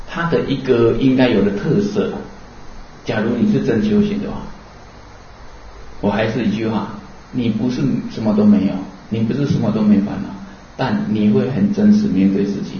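A man's voice: on the low side, mellow, a little hiss or hum. A man giving a Buddhist Dharma lecture, explaining earnestly and asking rhetorical questions along the way. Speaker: Buddhist teacher. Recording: distant, dull, roomy lecture recording.

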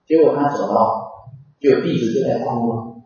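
A man giving a Buddhist sermon, telling anecdotes in a lively way and acting out the quotes. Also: mid-range voice, moderate pace. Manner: lively storyteller, acts out quotes, chuckles. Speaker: Buddhist dharma teacher. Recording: distant, roomy, dull lo-fi.

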